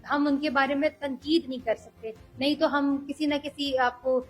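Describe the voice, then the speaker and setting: High-voiced young woman, earnest interview guest. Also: flat delivery, faint music behind, rough recording. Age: young adult. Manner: earnest, measured, frequent hesitations. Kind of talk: political interview.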